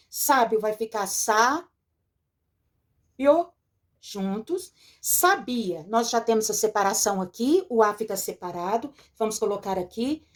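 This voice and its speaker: A woman teacher giving a recorded lesson from a textbook, explaining patiently and checking in with her pupils. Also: fairly high pitch. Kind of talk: recorded remote lesson walking through a textbook.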